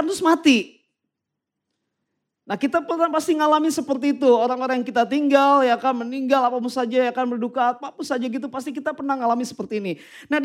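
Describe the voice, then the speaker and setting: A man preaches to his congregation in a strikingly high voice. He is animated and talks to them directly. When he reads scripture aloud he slows right down. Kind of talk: sermon.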